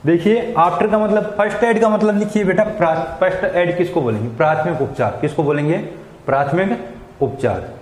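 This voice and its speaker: A male teacher gives a patient lesson, posing questions and answering them himself. His voice sits a little high, and the sound rings in an echoey room. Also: normal speed. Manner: repeats questions and answers them himself, frequent "samajh gaye". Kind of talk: classroom lesson explaining English to Hindi speakers. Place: school classroom.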